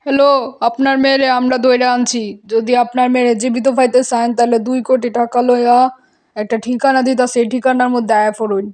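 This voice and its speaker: Woman playing a blunt high-voiced cartoon kidnapper man. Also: flat delivery, quick pace, a little mellow, lightly acted. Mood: menacing. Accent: Bangladeshi regional Bengali. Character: blunt, threatening male child kidnapper. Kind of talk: amateur cartoon dubbing.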